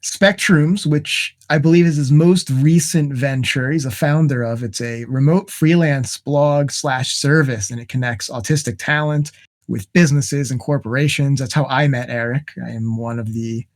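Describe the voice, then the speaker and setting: A man's voice: medium pitch, moderate pace. A man hosting a podcast in casual conversation, introducing a guest with jokes and frequent laughs. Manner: joking, laughs often. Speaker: podcast host. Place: home in Massachusetts.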